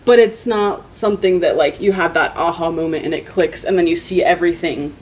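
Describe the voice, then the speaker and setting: A woman's voice: lowish voice, a little fast, a little hiss or hum, low-quality recording. A woman librarian co-hosting a casual book chat, rambling and chatty with lots of "like". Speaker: librarian and podcast co-host.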